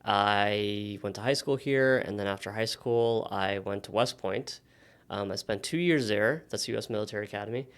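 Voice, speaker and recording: A man in his thirties from Miami, a native Spanish speaker, telling stories as a podcast guest with relaxed "um" pauses. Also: fairly low pitch, smooth. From Miami, United States. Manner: relaxed storytelling with frequent "um" pauses. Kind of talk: casual interview conversation.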